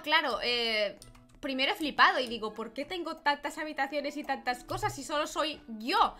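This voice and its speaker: A woman's voice: high-pitched, bright, forceful tone. A young woman with a Spanish accent from Spain, commenting casually on a game she is playing at home and squealing over cute things, on a desk microphone with faint game music behind her. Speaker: gaming YouTuber. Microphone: desk microphone with headphones.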